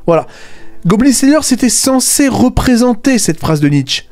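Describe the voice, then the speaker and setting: A man's voice: very high voice, very animated, measured pace, darkish tone, faint music behind. A man giving a casual spoken video essay as an anime critic, sarcastic, often dropping "voilà" and "hein" between points. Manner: sarcastic, fillers like "voilà" and "hein", mocking asides.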